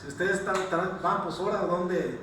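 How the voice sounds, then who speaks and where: A man's voice: sits high, normal speed, a bit bright, slight background noise. A male pastor preaching a sermon, asking the same rhetorical questions again and again and breaking off into apologetic asides. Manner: repeats rhetorical questions, asks "¿sí?" often; apologetic, self-correcting asides. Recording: very echoey room, distant mic.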